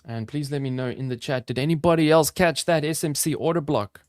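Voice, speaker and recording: An upbeat, chatty man from South Africa, his South African accent softened toward American, hosting a live trading stream and talking straight to his viewers. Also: on the high side, brisk, no echo, studio quality. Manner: upbeat, chatty, addresses chat viewers directly. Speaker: crypto trading livestream host. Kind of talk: casual live-stream commentary.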